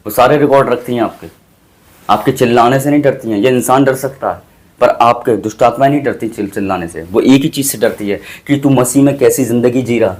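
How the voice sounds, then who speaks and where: A man's voice: medium pitch, darkish tone. A pastor preaching, repeating his points with restarts and exclamations. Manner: preachy, repeats lines with many restarts and hallelujahs. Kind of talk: sermon.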